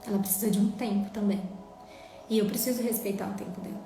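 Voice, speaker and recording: A woman's voice: mid-range voice, fairly even intonation, fast, warm tone. A woman teaching a live online parenting class in an earnest, emphatic way, often checking in with her listeners. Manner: earnest, emphatic, tags lines with "né?". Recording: very echoey room, faint music.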